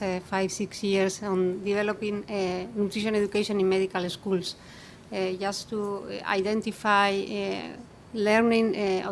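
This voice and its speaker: A woman speaking on a panel, pausing often with many fillers. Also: medium pitch, slight background noise. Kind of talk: panel discussion.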